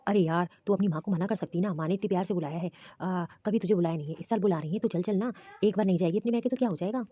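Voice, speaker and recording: Fast-talking young husband in a cartoon, coaxing and rambling, with a woman acting him out. The tone sits mellow and a little husky. The recording is dull and lo-fi. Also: on the low side, no echo, close to an everyday voice. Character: young married husband, pleading and easygoing.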